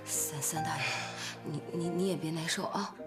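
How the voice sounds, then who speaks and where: A woman's voice: low voice, steady tone, moderate pace, over music, close to an everyday voice. An actress playing a visiting cousin who stammers while soothing her relatives. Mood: pleading. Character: soothing country cousin comforting her family.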